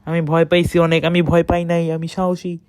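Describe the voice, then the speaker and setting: A woman gives excited, boastful running commentary while playing a shooter game, speaking close to the mic. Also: on the low side, normal speed, no echo. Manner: excited, boastful self-talk. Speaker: gamer streamer. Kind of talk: live gameplay commentary.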